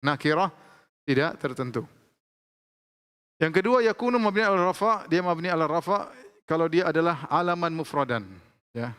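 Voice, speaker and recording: A man teaching Arabic grammar in a lecture, explaining slowly and repeating each example with frequent checks of "ya". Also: a little high, lively intonation, a bit bright, clean tone. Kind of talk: classroom lecture. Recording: long hall reverb.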